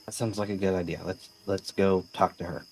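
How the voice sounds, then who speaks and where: A man's voice: low voice, flat delivery, a little fast, noisy background. A man playing a tabletop game, muttering and swearing casually. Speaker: player.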